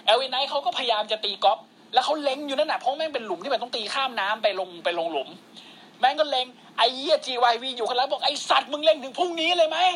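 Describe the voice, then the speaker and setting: A man's voice: extremely high pitch, fast, a little hiss or hum. A man co-hosting a wrestling podcast, telling stories crudely with plenty of swearing. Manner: crude, swearing, animated storyteller. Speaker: podcast co-host. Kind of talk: casual wrestling chat.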